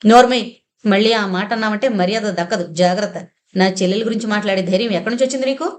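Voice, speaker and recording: A fiery young woman snaps and scolds with biting sarcasm, as a woman reads her in an audio novel. Her lines come quick and cutting, full of contempt for the people she faces. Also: medium pitch, close to an everyday voice. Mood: angry. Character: fiery young woman Vijaya, quick-tempered elder sister.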